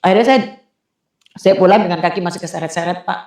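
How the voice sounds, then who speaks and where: A woman giving an earnest personal faith testimony as a guest. She talks in an animated way and often repeats herself. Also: fairly low pitch, fast talker, reverberant.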